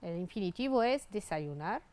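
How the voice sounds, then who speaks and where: A woman's voice: medium pitch, lively intonation, normal speed, a little mellow. A woman teaching Spanish grammar, reading out verb forms one by one and spelling out the endings. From Tunisia. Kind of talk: grammar lesson.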